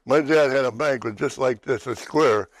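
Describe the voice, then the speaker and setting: A man's voice: medium pitch, moderate pace, no room sound, poor audio. Rambling male talk show host. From western Pennsylvania, USA. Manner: rambling, restarts, keeps asking "right?". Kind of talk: personal testimony chat.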